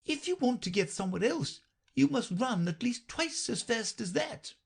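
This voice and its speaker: A man voicing a brisk, imperious queen chess piece who cries out orders in a shrill, commanding way. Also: animated, vocal fry, husky, full character voice.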